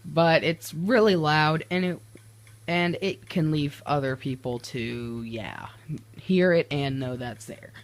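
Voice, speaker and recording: Slow and slightly high-voiced, this teen gaming creator comments loosely on his builds, wandering off and starting sentences over while growing easily exasperated.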